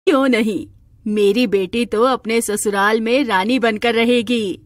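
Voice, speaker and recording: A woman's voice: on the high side, fairly even intonation, unhurried, no echo, clean studio sound, lightly acted. A woman voicing a doting middle-aged mother who spoils her daughter. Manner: indulgent.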